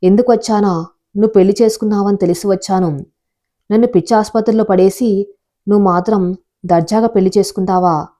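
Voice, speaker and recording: A woman voicing a distraught, jilted young woman who shouts accusations. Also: mid-range voice, steady tone, fairly quick, long pauses, close to an everyday voice. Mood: desperate accusing.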